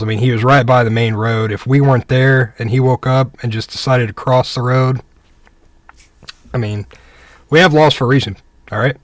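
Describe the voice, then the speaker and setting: A man's voice: medium pitch, dry recording. A young man, a police officer, casually telling a story and acting out the dialogue in a laid-back, conversational way.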